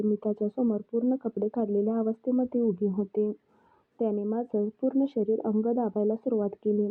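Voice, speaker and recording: A young woman narrating a first-person story in a plain, confessional way. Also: medium pitch. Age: young adult. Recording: tinny phone-like sound.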